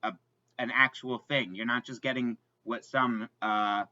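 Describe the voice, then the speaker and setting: A man's voice: medium pitch, fairly even intonation, a little slow, pushed and bright, dull audio. A man co-hosting a podcast in casual chat, rambling with lots of fillers and restarts. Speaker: podcast co-host.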